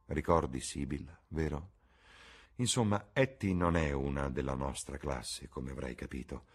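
A man reading a troubled young gentleman. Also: slightly rough, full character voice. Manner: earnest, confessional, dropping low on asides. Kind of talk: audiobook character reading.

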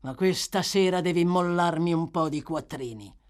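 Woman doing a grumpy sick thug, snarly, contemptuous, gets loud. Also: on the low side, moderate pace, close to an everyday voice. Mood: surly. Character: sick surly male thug, growling and bitter.

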